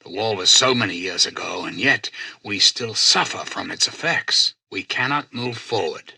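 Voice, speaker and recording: A male actor playing a self-styled president in a video game, a calculating artificial intelligence who speaks in formal, measured, persuasive oratory. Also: fairly low pitch, animated, gravelly, pushed and bright, slightly rough, no room sound, exaggerated voice. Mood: grave, zealous. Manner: grandiose, measured, courteous, persuasive. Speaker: president addressing personnel and listeners.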